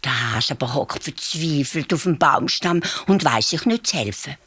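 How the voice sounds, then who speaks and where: A woman with a Swiss German accent telling a children's fairy tale in a lively, expressive way. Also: sits low, moderate pace, husky, no room sound. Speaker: storyteller.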